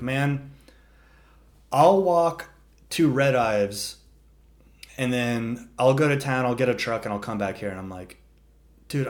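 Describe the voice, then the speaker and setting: A young man telling a wild story in casual chat, animated and profane, saying "dude" a lot and acting out the quotes of others. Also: mid-range voice. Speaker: storyteller guest.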